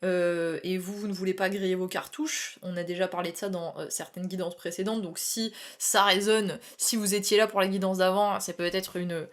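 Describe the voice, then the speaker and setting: A woman's voice: lowish voice, steady tone, normal speed, few pauses. A young woman doing a casual tarot reading, talking chattily, laughing often and dropping English slang. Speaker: tarot reader.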